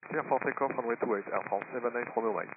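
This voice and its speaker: A man's voice: medium pitch, very fast. A man, an airline pilot, reading back instructions in clipped phrases over air traffic control radio. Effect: radio transmission. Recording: tinny, noisy cockpit radio.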